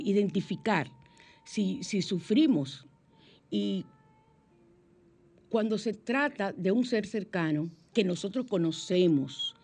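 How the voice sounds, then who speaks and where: A woman's voice: mid-range voice, creaky, darkish tone. A middle-aged woman, a psychologist hosting a conversational radio show, who acts out quoted dialogue in a raised voice. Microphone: studio microphone.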